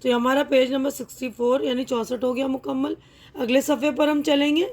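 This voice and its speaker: High-voiced patient woman teacher. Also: little pitch movement, a little mellow. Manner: patient, repeats words slowly, checks understanding. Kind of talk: textbook lesson explanation.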